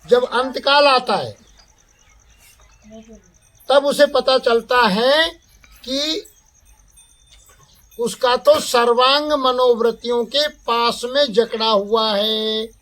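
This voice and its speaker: A man's voice: very high-pitched, a bit bright. A man giving a spiritual satsang discourse, explaining each term by repeating and defining it. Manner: slow, explains terms by repeating and defining them. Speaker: spiritual teacher.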